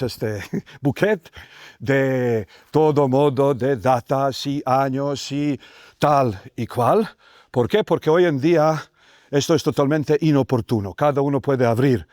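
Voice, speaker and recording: A man's voice: mid-range voice, a little mellow, dry recording, studio quality. A man with a Bosnian accent leading a guided tour as a folklorist, telling stories unhurriedly with many restarts. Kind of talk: guided walking tour talk.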